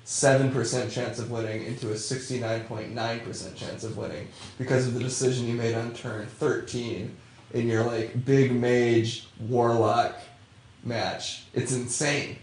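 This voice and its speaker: A man co-hosting a gaming podcast in casual chat, animated and swearing freely. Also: medium pitch, unhurried, a little hiss or hum. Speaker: podcast co-host. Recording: roomy echo.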